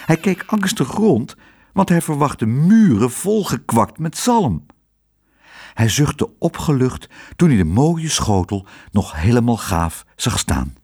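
Slow, expressive male storybook reader. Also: medium pitch, breathy edge. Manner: expressive, unhurried. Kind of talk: storybook reading.

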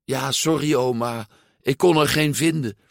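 A man's voice: mid-range voice, a little slow, creaky, dry recording, studio quality, voice pushed up. A man reading a storybook aloud, voicing a timid, anxious teenage sea-monster boy who hesitates and apologizes. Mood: nervous.

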